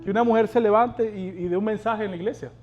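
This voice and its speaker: A man's voice: high voice, fairly even intonation, quick pace, darkish tone, muffled recording, faint music behind. A male pastor preaching a sermon, urging the congregation on and asking them rhetorical questions.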